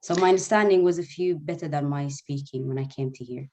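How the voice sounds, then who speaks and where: This guest is a nursing student who was once a refugee, born in Eritrea, brought up in Sudan, and a native Arabic speaker. He speaks a little fast in a fairly high, darkish-toned voice, replying to webinar interview questions with sincerity and the occasional minor grammatical error.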